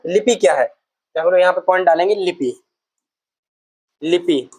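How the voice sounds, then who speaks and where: A woman's voice: on the low side, moderate pace, a little mellow, slightly rough, low-quality recording. A woman teaching an exam-prep Hindi lesson, going through each letter patiently, repeating sounds and asking the class questions.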